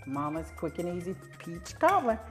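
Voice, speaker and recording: A woman chatting casually while demonstrating a recipe, relaxed and laughing. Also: fairly low pitch, normal speed, faint music behind. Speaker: cooking demonstrator. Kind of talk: casual cooking chat.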